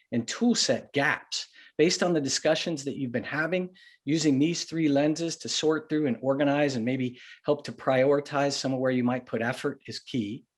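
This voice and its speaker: A middle-aged man running a virtual master class on leadership. He speaks at a medium pitch in a relaxed, conversational way and keeps it folksy with anecdotes. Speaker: workshop facilitator.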